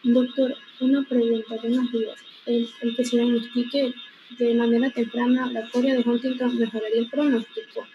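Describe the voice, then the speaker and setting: A woman student with a somewhat high voice asks her lecturer a question, polite and formal. There is faint noise behind her. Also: flat delivery, moderate pace, dull audio. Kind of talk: asking a question in class.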